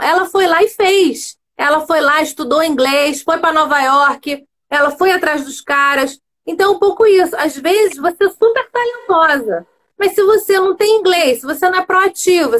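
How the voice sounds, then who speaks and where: A woman's voice: very high-pitched, a bit bright. A woman hosting a casual live chat on a video call, making her points emphatically with rhetorical checks. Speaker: host.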